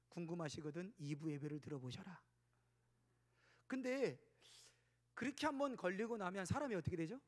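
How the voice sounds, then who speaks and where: A man in his forties preaching a sermon as pastor, telling stories animatedly, jumping from shouts to whispers. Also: sits high. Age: 40s. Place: church sanctuary. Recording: long church hall reverb.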